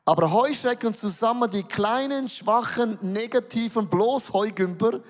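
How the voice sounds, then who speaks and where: Swiss german guy preaching, high voice, pushy rhetorical questions, big echoey hall. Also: measured pace. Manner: emphatic, repeats words, rhetorical questions. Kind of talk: sermon.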